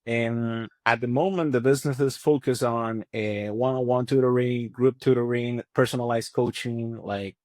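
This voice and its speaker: A man's voice: medium pitch, steady tone, moderate pace, hardly any pauses, a little mellow, no room sound. Venezuelan man in close, dry interview audio. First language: Spanish. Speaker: podcast guest, language company chief and teacher. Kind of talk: conversational interview talk.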